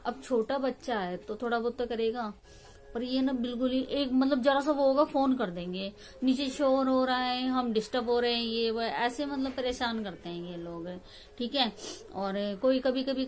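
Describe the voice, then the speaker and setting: A woman's voice: fairly high pitch, a little mellow. A woman in her thirties talking casually to her viewers from her rented room at home, rambling and emotional with many restarts. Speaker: family vlogger.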